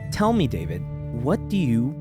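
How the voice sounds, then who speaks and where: A man doing a calm mysterious stranger. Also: mid-range voice, moderate pace, loud music behind the voice. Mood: probing.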